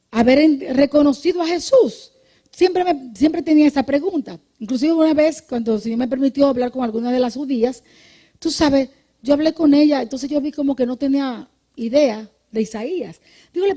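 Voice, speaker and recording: This is a woman pastor giving a midday sermon in church, explaining doctrine in a chatty, teacherly way. Her voice sits a little high yet sounds mellow and soft-edged. She keeps checking in with the congregation and punctuates points with amen, sometimes restarting a word. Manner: conversational teaching, checks listeners with "¿ok?" and "amén"; repeats and restarts words when thinking. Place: church service.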